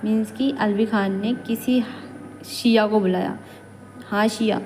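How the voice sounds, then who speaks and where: A woman's voice: mid-range voice, fairly even intonation, measured pace, dark tone. A woman teacher with a Kashmiri accent giving a classroom lecture, chatty and patient, mixing English words into her Hindi. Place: college lecture room. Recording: hall reverb, faint background noise.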